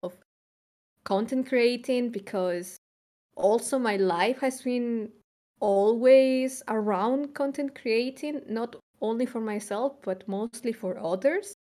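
A woman's voice: fairly high pitch, takes it slowly, dark tone. A young woman from Chile co-hosting a podcast, talking casually and reflectively, with frequent fillers and restarts. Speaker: podcast co-host.

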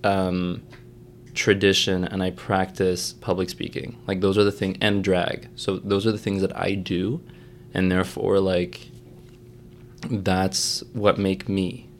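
Low-voiced chatty young man guest. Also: level tone, a little hiss or hum. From Egypt. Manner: chatty, heavy use of "like", quick laughs. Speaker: podcast guest. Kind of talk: casual conversation.

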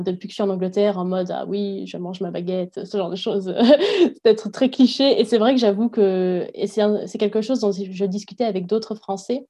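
A woman's voice: mid-range voice, mellow. A woman from France, a guest in a casual interview, thinking aloud in a reflective way with frequent hesitations.

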